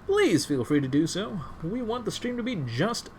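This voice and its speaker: A man hosting a fighting game stream, chatting casually and teasing his co-host in a relaxed way. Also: high-pitched, moderate pace, slight background noise. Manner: relaxed, teasing, laughs easily.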